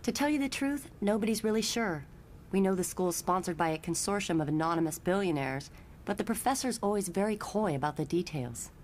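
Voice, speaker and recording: In this expository motion comic voice acting, a woman plays a knowing, friendly young telepath showing a newcomer around, chatty and matter-of-fact. Her natural voice sits on the low side, with lively intonation and a brisk pace, and there's slight background noise.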